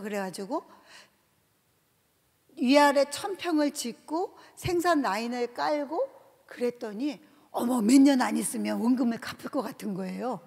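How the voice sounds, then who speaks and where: A woman, a company president, telling her faith testimony in a lively storytelling way and acting out the voices of others. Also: high voice. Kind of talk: church testimony talk. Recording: reverberant large hall.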